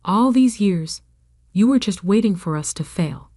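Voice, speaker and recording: A woman's voice: mid-range voice, expressive, unhurried, dark tone, dry recording, clean studio sound. A woman reading a bitter, resentful brother. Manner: bitter, accusing.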